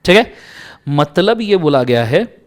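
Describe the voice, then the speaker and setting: Indian male lecturer, higher voice, lively Hinglish teaching with joking asides. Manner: reads legal text slowly, word by word. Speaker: law teacher. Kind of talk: recorded exam-prep lecture.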